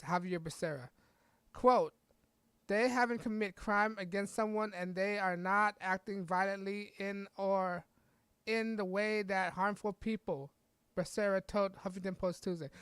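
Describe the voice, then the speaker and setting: A woman hosting a podcast, reading an article aloud in halting, stumbling bursts and breaking off for heated, scornful asides. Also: mid-range voice, no room sound. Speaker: podcast host.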